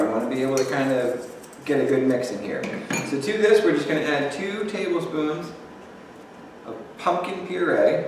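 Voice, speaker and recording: A young man's voice, on the high side, casually guides listeners through a recipe step by step with plenty of fillers; he's a teen librarian doing a cooking demonstration. The far mic catches slight background noise, kitchen echo and clattering dishes.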